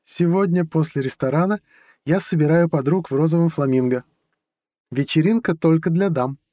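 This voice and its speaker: Guy doing a playful young girlfriend voice, teasing and giggly, higher than his own. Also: normal speed, warm tone, no room sound, clean studio sound, natural voice. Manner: light, teasing, giggly speech.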